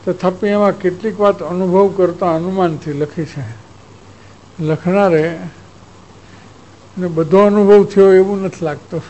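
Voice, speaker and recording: A man's voice: high-pitched, fairly even intonation, measured pace, long pauses, dark tone, dull audio. A man, a spiritual teacher giving a discourse who tells stories and acts out exchanges. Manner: storytelling, acts out exchanges, chuckles.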